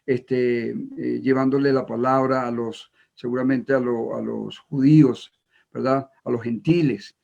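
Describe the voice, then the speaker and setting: An Ecuadorian man preaching a sermon in a halting way, with many repeated words and fillers. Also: mid-range voice, fairly even intonation, vocal fry, a little mellow. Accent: Ecuadorian Spanish. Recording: dull lo-fi recording.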